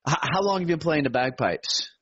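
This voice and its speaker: A man's voice: a little high, animated, a little fast, highs cut off, background noise. A man from the United States hosting a podcast, talking in an enthusiastic, slangy way and laughing often. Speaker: podcast host. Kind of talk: casual podcast interview.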